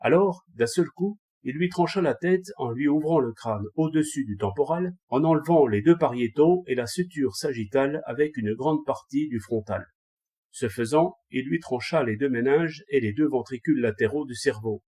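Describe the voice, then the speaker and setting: A man narrating a classic tale in a measured, deliberate reading style. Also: medium pitch, dark tone, husky. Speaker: audiobook narrator. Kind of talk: scripted narration of a classic text.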